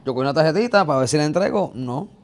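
A man's voice: a little high, rapid-fire. A man, telling a road-trip story in casual chat and acting it out with sound effects. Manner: animated, acts out scenes with sound effects.

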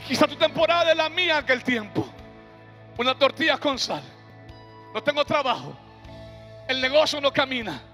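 A man preaching a fiery sermon, shouting and calling the congregation to repeat after him. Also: very high voice, animated, moderate pace, long pauses, faint music behind. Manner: shouting, call-and-response exhortation.

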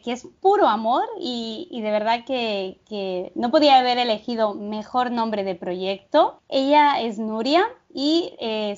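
A woman hosting an interview, enthusiastic and a little hesitant, often repeating words. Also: a little high. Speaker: interview host. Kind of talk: conversational interview. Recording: dull lo-fi sound.

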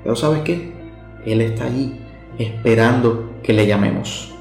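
A man's voice: mid-range voice, unhurried. A man preaching a short sermon in a conversational way, speaking straight to the listener and often asking them questions. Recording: echoey room with soft instrumental music.

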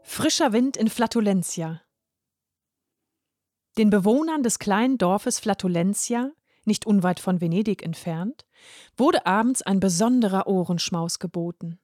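A woman reading a humorous short story aloud in an expressive, playful narration. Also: medium pitch, unhurried, no room sound, clean studio sound.

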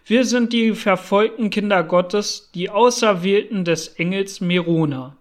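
A man's voice: high-pitched, a little slow. A man voicing a zealous, strict young male pilgrim who speaks in a fervent, preaching tone. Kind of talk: audiobook character voice.

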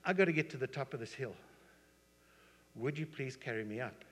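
A preacher voicing a sly, pleading snake in a told legend. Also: male voice, mid-range voice, lively intonation, brisk. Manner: wheedling, pleading. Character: sly pleading snake, tired then bargaining. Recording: husky voice in long hall reverb.

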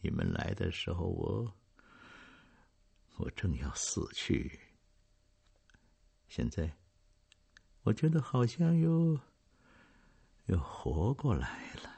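A man voicing a dying old father who speaks weakly and tenderly in a breathy whisper. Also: low-pitched, sing-song, slow pace, long pauses, mellow, full character voice. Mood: faint, tender.

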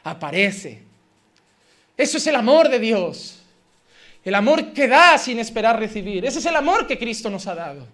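A man's voice: extremely high pitch, big pitch swings, normal speed, fairly bright tone. A man pastor with a Spanish accent from Spain, preaching an impassioned, emphatic sermon full of repeated phrases.

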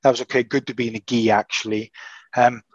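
A man recovering from an illness, talking in casual chat as a podcast host, halting and restarting often. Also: mid-range voice, level tone, no echo, muffled recording. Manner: hesitant, halting with many restarts.

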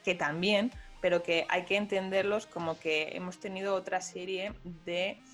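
Emphatic low-voiced woman. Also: moderate pace, faint music behind. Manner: animated, emphatic. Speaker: podcast co-host. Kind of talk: casual podcast chat.

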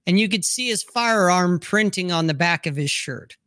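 A man's voice: high voice, expressive, moderate pace, fairly bright tone, dry recording, studio quality. A man hosting a casual talk stream, telling a story with profanity and acting out what people said. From Utah. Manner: storytelling, profane, acts out quotes. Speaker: podcast host. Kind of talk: casual chat.

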